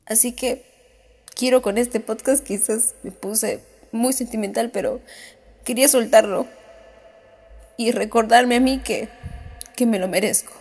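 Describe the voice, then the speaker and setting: Woman, crying, heartfelt motivational podcast, slow unhurried delivery. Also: fairly high pitch, darkish tone, breathy edge. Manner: heartfelt, self-affirming, repetitive phrasing. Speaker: podcast host. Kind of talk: emotional motivational podcast monologue. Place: on the way home.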